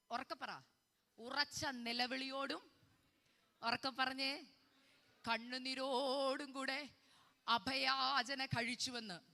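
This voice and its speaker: A woman's voice: fairly high pitch, bright, forceful tone. A woman preaching a sermon with fervor, crying out hallelujah and asking her listeners questions. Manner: fervent, cries hallelujah, asks the crowd many questions. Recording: long hall reverb.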